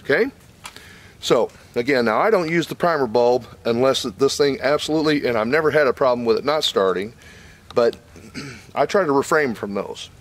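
A man's voice: medium pitch, normal speed. Folksy older man demonstrating outdoors. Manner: plain folksy explaining with fillers and repeats. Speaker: channel host reviewing a chainsaw. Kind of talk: casual how-to demonstration. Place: outdoors in a wooded lot.

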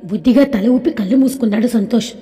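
A woman narrating a story aloud, expressive and reading every part herself. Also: a little high, fast. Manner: expressive, reads all parts herself. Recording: echoey room with long reverb.

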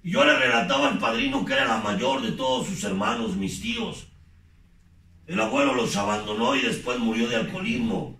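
A man with a Mexican Spanish accent giving an impassioned, profane testimony at a recovery group meeting, often shouting. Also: a little high, huge pitch swings, moderate pace, vocal fry, reverberant, recorded from a distance.

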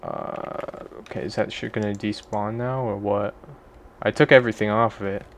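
A young man talks through a game in a loose, rambling way, mocking himself and swearing offhandedly. His voice sits a little low. A faint hiss runs under it. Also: fairly even intonation, normal speed. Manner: rambling, self-deprecating, swears casually. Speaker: gaming video creator. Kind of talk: casual gameplay commentary.

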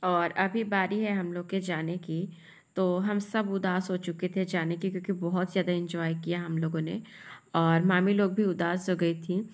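A young woman narrating her family vlog in a chatty, homely way, talking straight to her viewers. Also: fairly low pitch. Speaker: family vlogger.

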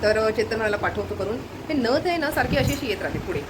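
A woman's voice: fairly high pitch, expressive, fast talker, noisy background. Chatty woman vlogging at home on a phone. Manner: chatty, addresses viewers directly, coos at her pet. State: low-voiced from fasting. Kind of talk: casual home vlog chat.

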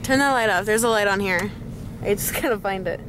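A woman's voice: medium pitch, a little fast, background noise. A young woman vlogging casually from a handheld camera at arm's length, rambling with lots of fillers and giggles. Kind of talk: casual vlog chat. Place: home, then a car at night.

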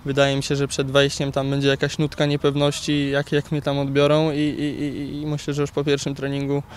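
A young footballer in his twenties answering interview questions outdoors beside a pitch, halting with many repeated words. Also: completely flat delivery. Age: 20s. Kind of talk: post-training interview. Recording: faint outdoor noise.

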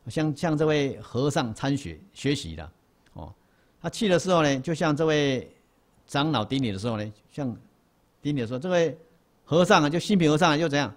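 A Buddhist monk gives a dharma lecture to a class, repeating key phrases and asking rhetorical questions. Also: male voice, on the high side. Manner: repetitive and emphatic, poses rhetorical questions, often restarts. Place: lecture hall.

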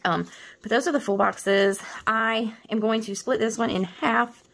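Chatty woman with a gravelly creak. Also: fairly high pitch, a little slow, a bit bright. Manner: chatty, rambling, often restarting and trailing off; tender and wistful. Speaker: planner vlogger. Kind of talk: casual show-and-tell of planner kits.

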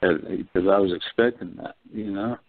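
A man's voice: sits low, moderate pace, noisy background. A man hosting a call-in show, talking in a rambling way full of fillers, his voice muffled as if heard through a wall. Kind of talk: casual phone conversation. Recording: muffled phone line.

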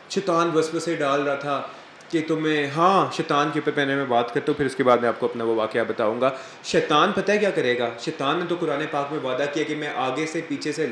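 A man from Pakistan with a slightly high voice gives an earnest religious talk, emotionally sharing a personal story. Slight background noise and faint ambience come through in the echoey room.

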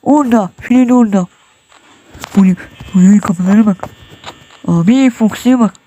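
Speaking at a moderate pace in a high-sitting voice with a dark tone, this gamer comments on his horror playthrough while sweating with nerves. He stays tense and jumpy throughout, muttering prayers and exclamations and yelping at every scare.

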